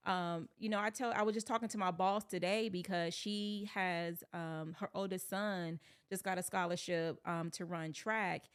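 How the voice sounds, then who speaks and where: A young woman raised in North Carolina speaks as a podcast guest. Her voice is smooth and resonant and sits a little low. She tells her story in an upbeat way, with many "um"s along the way. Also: steady tone, moderate pace, few pauses. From born in Alabama, raised in North Carolina. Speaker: guest, sports PR manager. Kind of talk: casual interview chat.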